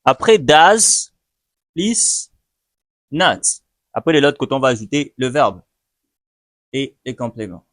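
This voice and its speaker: A man's voice: medium pitch, big pitch swings, a bit bright, no echo. Patient man teaching English, dry close sound. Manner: patient, repeats each example slowly. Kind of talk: video lesson, slow explanation.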